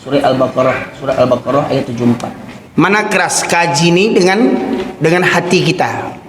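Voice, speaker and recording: A man's voice: fairly high pitch, a little fast. A man preaching a heated sermon with a Minangkabau accent, often raising his voice. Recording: echoey hall with background noise.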